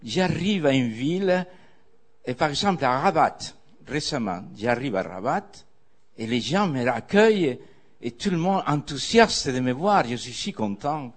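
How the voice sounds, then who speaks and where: A man's voice: mid-range voice, very animated, a little slow. Older man telling wry stage anecdotes. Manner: meandering, wry anecdotes with hesitations. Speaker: guest speaker. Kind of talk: storytelling on stage. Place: theatre, before an audience.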